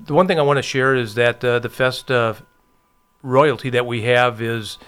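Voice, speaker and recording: A man speaks as a guest in a casual interview, chatty and full of "uh" pauses. His voice sounds clear and resonant. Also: medium pitch, fairly even intonation, fairly bright tone. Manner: chatty, many filler pauses. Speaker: festival committee member, guest.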